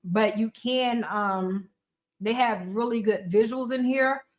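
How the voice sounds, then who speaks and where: A woman with a slightly high voice walks viewers through software on a livestream. She chats loosely and off the cuff, talking around bites of food as she goes. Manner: chatty, talks off the cuff to viewers. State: eating while talking. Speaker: livestream host demonstrating software. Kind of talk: casual screen-share tutorial.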